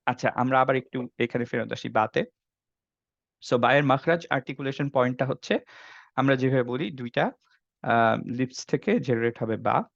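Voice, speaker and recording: A man's voice: mid-range voice, normal speed, gravelly, dry recording, lo-fi sound. A man teaching Quran recitation in an online class, patiently demonstrating letter sounds and checking if students follow. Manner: patient, checks understanding with frequent "okay?". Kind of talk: online tajweed class, Bengali mixed with English.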